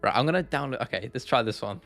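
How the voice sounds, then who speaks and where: Quick and expressive, this livestream host has a mid-range, fairly bright voice. He chats laddishly and informally with viewers, repeating phrases for emphasis over faint music and the sound of keyboard clicking.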